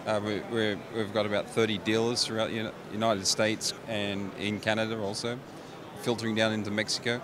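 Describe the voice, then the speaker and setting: A man's voice: on the low side, level tone, brisk, a crowd in the background. A middle-aged man, a company managing director, explaining his products into a handheld mic at a trade show booth, with frequent restarts. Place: busy exhibition hall booth. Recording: noisy trade show floor.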